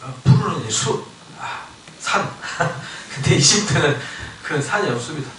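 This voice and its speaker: A male pastor giving a Bible lecture sermon, animated, acting out the voices of biblical figures and asking the congregation questions. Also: on the high side, measured pace, a little hiss or hum. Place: church sanctuary. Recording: echoey church hall, mic at a distance.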